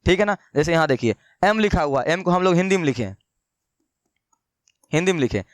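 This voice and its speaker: Brief: male tutor, high and smooth voice, dry close sound, asks his own questions and repeats points. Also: lively intonation, no room sound. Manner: slows down to dictate notes. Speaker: English teacher. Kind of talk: online grammar lesson.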